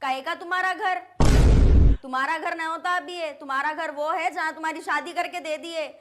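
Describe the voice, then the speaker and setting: A woman's voice: very high voice, fairly even intonation, sharp tone. A woman playing an indignant young wife with a Hyderabadi accent. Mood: assertive. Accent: Hyderabadi Urdu. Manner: indignant, quick-tempered. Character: defiant young wife of the house.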